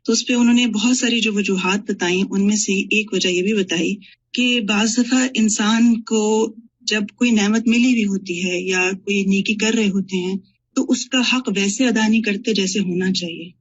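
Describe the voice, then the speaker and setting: A woman with a husky, breathy voice speaks earnestly in a religious class discussion, recounting points from a lecture as a student. The recording sounds dull and lo-fi. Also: medium pitch, moderate pace.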